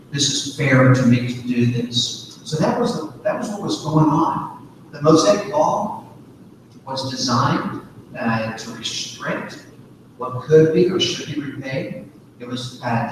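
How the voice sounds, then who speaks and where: A man's voice: medium pitch, noisy background. A man teaching a sermon to a men's group, storytelling in a conversational way with frequent fillers. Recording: echoey hall, distant mic.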